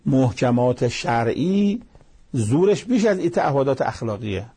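A man's voice: mid-range voice, sing-song, warm tone, slightly rough. A man giving a religious lecture, explaining with everyday examples and quoting Arabic verses.

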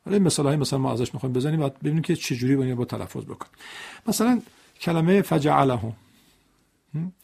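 A man's voice: mid-range voice, animated, vocal fry, a little mellow, husky. A man teaching Quran recitation, correcting and demonstrating pronunciation by repeating examples. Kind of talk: recitation lesson dialogue.

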